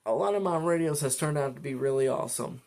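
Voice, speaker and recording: A man who hosts a weather radio channel talks casually to camera about a hobby product, rambling in a conversational way. His voice is a little high, fast, gravelly, and a little mellow.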